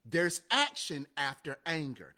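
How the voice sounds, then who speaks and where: A man co-hosting a casual motivational talk show tells stories with real emphasis. His voice sits a bit high for a man and swings widely in pitch, so every point he makes lands with energy. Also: measured pace. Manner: animated, emphatic storytelling. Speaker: co-host of a live show and podcast.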